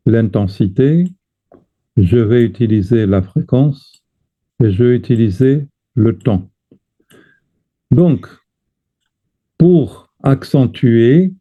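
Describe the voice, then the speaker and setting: A man teaches a chant lesson at a very slow, deliberate pace, pausing to sing short chant phrases. His pitch sits in a middle range. The recording is thin and tinny, like a phone line. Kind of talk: teaching lesson with sung examples.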